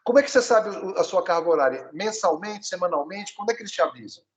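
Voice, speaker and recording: Lively Brazilian man teaching English. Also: sits high, rough recording. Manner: lively, coaching, spells words out slowly. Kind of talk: online one-on-one English lesson in Portuguese.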